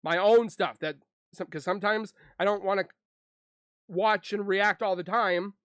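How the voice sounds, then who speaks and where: A man with a somewhat high voice talks through his frustrations with his online audience. He speaks haltingly, restarting often and holding back tears. The recording is close and dry, with no room sound. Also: steady tone, a bit bright, clear, resonant tone, no room sound. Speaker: YouTuber. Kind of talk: emotional venting to viewers.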